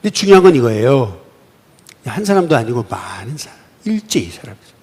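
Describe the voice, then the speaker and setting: A man's voice: mid-range voice, very animated, a little fast, darkish tone, slightly rough. A male pastor preaching a sermon in a church sanctuary, often asking the congregation questions. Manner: asks the congregation questions and acts out quoted voices. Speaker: senior pastor. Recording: long reverb of a church hall.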